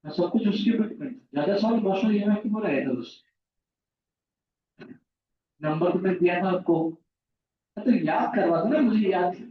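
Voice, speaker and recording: A man's voice: high voice, normal speed, pauses often, a little hiss or hum. A male physics teacher chatting informally with his class, mixing lesson points with stories. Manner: chatty, jumps between lesson and anecdotes. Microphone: far from the mic. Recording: echoey room, distant mic, dull sound.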